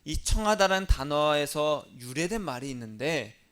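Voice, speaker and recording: A male pastor preaching a sermon. He poses questions and answers them himself, has the congregation repeat phrases after him, and moves between stressed, louder phrases and soft, low asides. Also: animated, normal speed.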